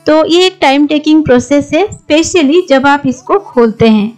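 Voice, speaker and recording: A home cooking channel host, a middle-aged woman from India, speaks unhurriedly in a voice that sits high. She gives warm kitchen tips in a Hindi voice-over sprinkled with English words, backed by a soft music bed.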